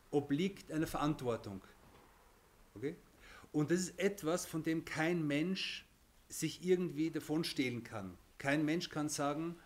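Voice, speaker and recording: Man giving a spoken religious lesson, slightly raised pitch, many restarts and "okay?" check-ins. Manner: explains with everyday examples, many restarts and "okay?". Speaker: religious teacher.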